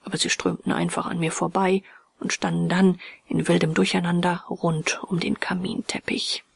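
A woman reading a ghost story aloud, often half-whispered, slow and hushed. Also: medium pitch, gravelly, husky, dry recording. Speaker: audiobook reader. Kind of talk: scripted narration of a ghost story.

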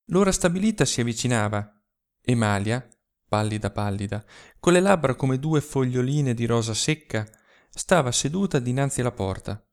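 Man reading a short story out loud, dramatic and expressive, slow emphatic pauses, mid pitch. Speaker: audiobook narrator.

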